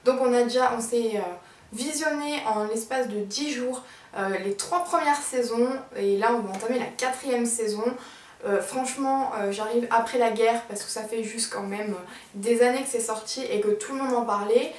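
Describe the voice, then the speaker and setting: A woman beauty vlogger chatting casually and enthusiastically about her monthly favorite products, pausing often with fillers. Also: fairly high pitch. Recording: roomy sound from a distance.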